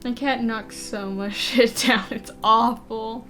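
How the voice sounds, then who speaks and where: Girl streamer kinda lisping with her aligners in, highish voice, chatting over a game, music behind. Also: steady tone, takes it slowly, pushed and bright. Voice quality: slight lisp from wearing dental aligners. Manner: casual, rambling, reading game text aloud between remarks. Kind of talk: casual chat while playing a video game.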